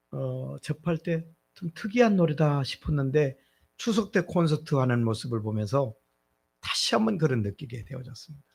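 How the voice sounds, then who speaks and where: Gravelly, lively middle-aged male pastor preaching. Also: medium pitch. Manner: conversational preaching with rhetorical questions. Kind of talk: sermon.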